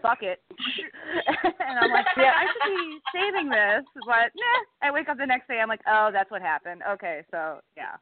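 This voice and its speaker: A woman's voice: on the high side, sing-song, normal speed. A woman chatting casually as a radio guest, with self-deprecating, girlfriend-style banter. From Chicago, United States. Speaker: guest, journalist and magazine editor. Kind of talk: casual chat. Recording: noisy, thin phone line.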